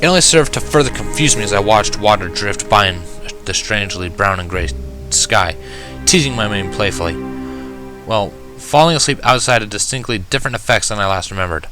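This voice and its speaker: A fan fiction reader with a lowish, fairly quick male voice performs a first-person story as dramatic narration. His tone is sardonic and wry, and music plays in the background.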